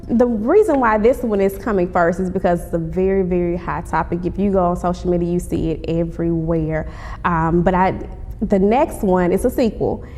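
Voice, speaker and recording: Interviewed about her stage play, a playwright and actress answers in a polite, conversational way with a darkish tone, addressing her interviewer as ma'am. The recording has the echo of a hall and distinct rumbling background noise.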